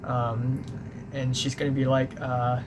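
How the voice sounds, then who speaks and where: Speaking slowly in a flat, mid-range voice, a young man from Hong Kong rambles through a casual story, constantly correcting himself and throwing in swear words. He is a young adult vlogger, a native Cantonese speaker with a Hong Kong English accent, recorded with noticeable background noise.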